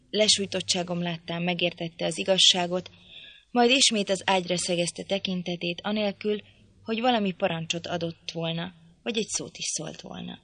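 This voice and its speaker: A woman reading a novel aloud in a measured, steady storytelling manner. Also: fairly low pitch, no echo. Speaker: audiobook reader.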